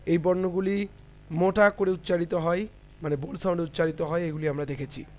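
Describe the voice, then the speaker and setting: A man teaching a Quran reading class online, slowly and carefully demonstrating Arabic letter sounds with many repetitions. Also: fairly high pitch, steady tone, darkish tone. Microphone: computer mic on a video call.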